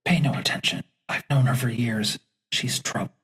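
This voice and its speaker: A man reading as a calm, firm mother of a teenage girl who stands up to a hostile neighbor. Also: mid-range voice, moderate pace, lightly acted.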